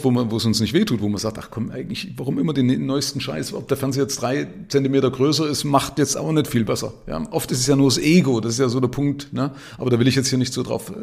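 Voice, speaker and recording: A man's voice: medium pitch, vocal fry. A man in his fifties hosting a solo podcast, talking in an emphatic, conversational way with frequent tag questions. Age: 50s. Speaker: podcast host. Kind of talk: casual monologue podcast.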